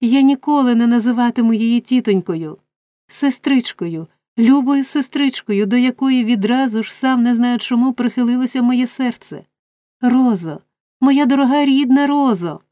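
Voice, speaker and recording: A woman reading a young orphan boy who cries out tender, overjoyed lines in a raised, emotional voice. Her tone stays mellow and dark. The sound is close and dry, like a storybook reading. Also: fairly high pitch, normal speed, dry recording, voice pushed up, close to an everyday voice. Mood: tearful joy. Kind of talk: audiobook character reading.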